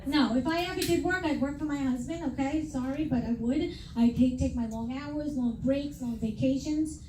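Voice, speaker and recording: A middle-aged New York woman performs stand-up before a live audience, brash and self-mocking, acting out the people in her stories and quoting them in raised voices. Her voice is high-pitched and moderately paced. The mic is distant in an echoey room, with slight background noise and loud crowd laughter.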